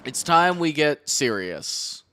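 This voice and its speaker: A young man live-streams casually, swearing and muttering to himself while he works on a task. His voice is fairly high, sharp, and clean, very animated even as he takes things slowly.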